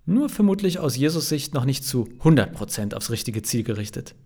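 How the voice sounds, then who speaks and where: A man's voice: medium pitch, sing-song, brisk, a little mellow, husky. A man reading his own novel aloud as a podcast, narrating in the first person with a dry, wry tone. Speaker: author reading his book.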